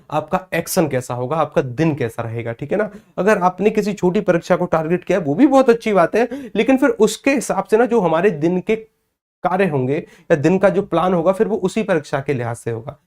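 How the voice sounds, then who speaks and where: A man's voice: high-pitched, darkish tone. A man teaching an exam-prep class, who asks his own questions, answers them, and repeats the key terms. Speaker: Hindi teacher.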